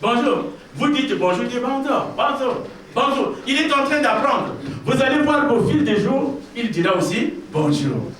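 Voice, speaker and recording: A man's voice: extremely high pitch, expressive, normal speed, hardly any pauses, fairly bright tone. A man preaching a sermon as pastor, emphatic and repeating his key phrases while addressing the congregation directly. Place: church hall. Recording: very echoey church, mic far off, faint noise.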